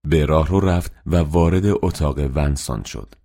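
A man reading a novel aloud as an audiobook narrator, in a steady, measured way. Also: a bass voice. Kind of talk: scripted narration.

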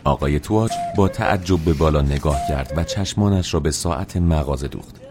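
A man reading a novel aloud as a steady, measured audiobook narrator. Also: very deep voice, over music.

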